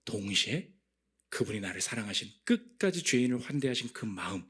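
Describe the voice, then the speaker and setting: A man's voice: fairly quick, slightly rough. Korean man preaching with dramatic swings. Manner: lively preaching, acting out inner voices with big pitch jumps. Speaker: pastor. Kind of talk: sermon. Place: church.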